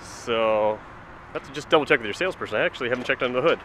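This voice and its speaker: A man's voice: mid-range voice, racing, sharp tone, slight background noise, low-quality recording. A Canadian man showing a car in a casual, chatty walkaround, recorded on a handheld camera outdoors and inside the car. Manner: casual, chatty, thinking aloud while filming. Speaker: car dealership salesman. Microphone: handheld camera mic.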